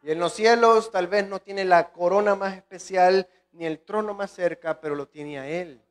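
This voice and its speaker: A guest pastor with a Salvadoran Spanish accent delivers an impassioned sermon, often calling out to the congregation. His voice sits high and moves at a moderate pace.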